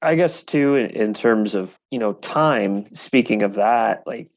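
A fairly low male voice in a dry, close-sounding recording. He speaks as a podcast panelist in casual discussion and thinks aloud as he talks. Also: unhurried, dry recording, muffled recording. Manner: thoughtful, searches for words with "like" and "in terms of".

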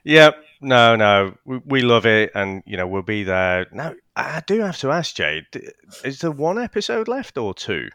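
A man's voice: medium pitch, sing-song, normal speed, a bit bright, clean tone, no echo. A man co-hosting a casual podcast, hesitant, with stammering restarts and casual swearing. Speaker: podcast co-host.

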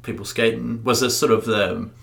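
A man's voice: mid-range voice, fairly even intonation, moderate pace, creaky, fairly bright tone. A man hosting a casual interview, asking easygoing, slangy questions. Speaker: podcast host.

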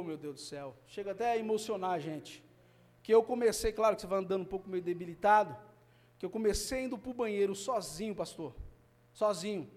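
A man with a Brazilian Portuguese accent preaching a sermon and sharing a personal testimony, his delivery swinging between hushed and fervent. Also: high-pitched. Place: family church service.

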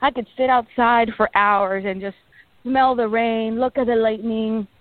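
A woman's voice: a little high, steady tone, unhurried, no echo. A woman in her thirties with a Panamanian Spanish accent speaks as a guest in a radio interview. Her talk is friendly and chatty, dotted with fillers. The sound is dry and tinny, as if over a phone line. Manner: friendly, chatty, frequent fillers and light laughs. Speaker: guest meteorologist.

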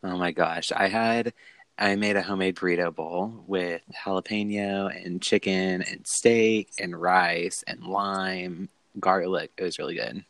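A man's voice: low voice, steady tone, measured pace, a bit bright, no echo. A young man co-hosting a casual podcast from inside a closet, slangy and jokey, laughing often. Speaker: podcast co-host.

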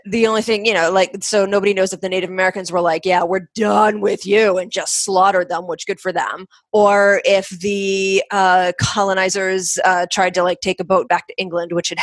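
A woman's voice: medium pitch, no echo. A woman co-hosting a podcast, chatting casually and rambling a bit, with many "like"s. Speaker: podcast co-host. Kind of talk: casual chat.

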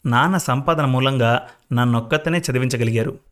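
A man's voice: medium pitch, moderate pace, fairly bright tone, clear, resonant tone, natural voice. A man voicing an anxious young woman waiting for a job interview, speaking nervously and pleadingly.

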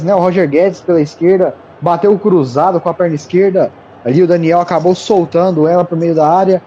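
Brazilian guy chatting through a football goal, dark soft tone, muffled lo-fi sound w a bit of noise. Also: on the high side. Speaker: football commentator giving analysis. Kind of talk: conversational match analysis. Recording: dull lo-fi broadcast, faint noise.

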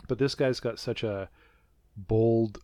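A man's voice: mid-range voice, steady tone, slow, warm tone, no echo. A man from North America talking casually as a podcast co-host, rambling with lots of fillers and restarts. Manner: rambling, many fillers and restarts, laughs often. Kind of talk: casual chat.

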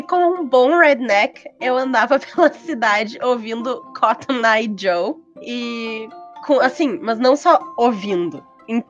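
A woman co-hosting a casual chat about tabletop games, telling things in an informal storytelling way. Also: a little high. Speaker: podcast co-host. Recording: slightly muffled, music behind.

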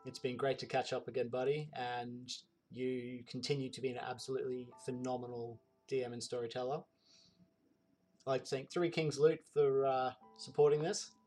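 A man's voice: medium pitch, flat delivery, normal speed, darkish tone. Man, podcast player, chatty thanks, um-heavy, faint music behind. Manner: chatty and grateful, with "um" fillers. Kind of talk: casual thank-yous.

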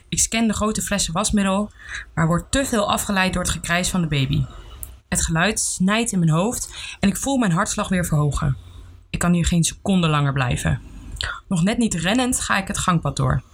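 A young woman reading her own first-person memoir aloud in an earnest, soft-spoken way. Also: fairly low pitch. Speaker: narrator of her own story.

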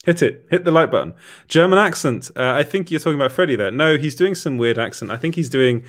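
A man's voice: on the high side, lively intonation, fast, dry recording, clean studio sound. A man hosting a casual live stream, reading chat comments aloud with lots of fillers and laughter. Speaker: livestream host reading chat.

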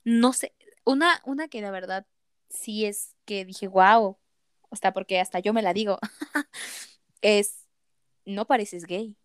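A young woman with a Mexican accent chatting casually, animated and exasperated, cursing and laughing often. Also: medium pitch, slow, pauses often, clear, resonant tone, dry recording, studio quality. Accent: Mexican Spanish. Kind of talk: casual chat.

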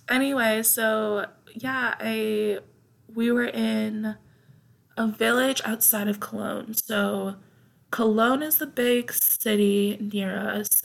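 A young woman hosting a podcast, rambling casually with many fillers, her throat dry as she talks quietly. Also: medium pitch, vocal fry. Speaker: podcast host.

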